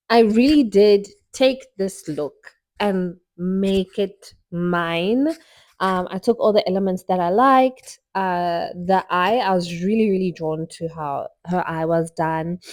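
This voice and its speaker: A woman's voice: on the low side, takes it slowly, a little mellow, no room sound. A young woman chatting casually through a makeup tutorial at home, friendly and full of fillers. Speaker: beauty vlogger. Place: home, indoors.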